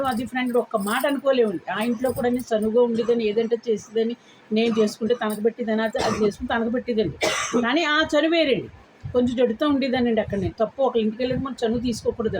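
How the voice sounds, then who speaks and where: A woman's voice: fairly high pitch, a little mellow, a little hiss or hum, rough recording. An older woman vlogger ranting straight at her viewers, scolding them with coarse, repeated insults while still tacking on polite forms of address. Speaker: vlogger answering commenters. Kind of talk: angry direct-to-camera rant.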